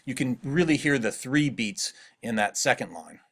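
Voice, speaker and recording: A middle-aged man talks through a poem for his class in a recorded lecture. His voice sits at a middle pitch, and he keeps putting open questions to his students. When he quotes the poem, he slows to a careful, deliberate reading. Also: animated, a bit bright. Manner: thoughtful, asks questions, slows to read poem lines aloud. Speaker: literature teacher.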